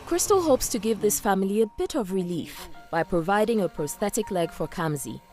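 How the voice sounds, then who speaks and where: A woman's voice: medium pitch, expressive, fairly quick, darkish tone, faint music behind. A woman reading scripted narration for a television news feature. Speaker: narrator, reporter.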